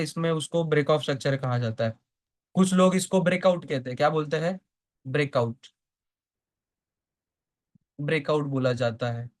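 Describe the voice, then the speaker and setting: A man teaching a live online stock trading class. He keeps asking the class questions, answers them himself, and checks in often to make sure they follow. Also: high voice.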